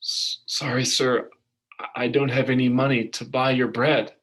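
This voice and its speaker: A man's voice: medium pitch, little pitch movement, moderate pace, a bit bright, lightly acted. A man voicing an exhausted, starving beggar who speaks hesitantly and apologetically. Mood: pleading.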